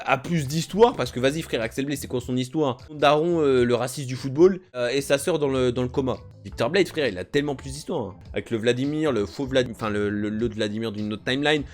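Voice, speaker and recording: A young man, a video creator, chatting casually in an animated, slangy and emphatic way, often repeating himself. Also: on the high side. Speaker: youtuber. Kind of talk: casual reaction chat.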